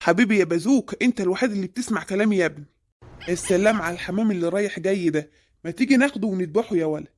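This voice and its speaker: A woman's voice: medium pitch, very fast, a little mellow, natural voice. A woman voicing a grumpy, preachy father in an Egyptian cartoon, with an Egyptian Arabic accent. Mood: grumbling. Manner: grumbling, preachy.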